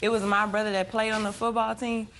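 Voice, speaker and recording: A woman's voice: mid-range voice, level tone, quick pace, fairly bright tone, slight background noise. Young woman witness testifying in court.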